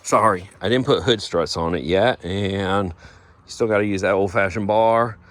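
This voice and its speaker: A man's voice: moderate pace, fairly bright tone, no room sound. Rambling man hyping his truck giveaway. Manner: rambling, loses train of thought, playful sales-pitch tone. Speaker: vlogger showing a vehicle giveaway. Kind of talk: casual walkaround vlog.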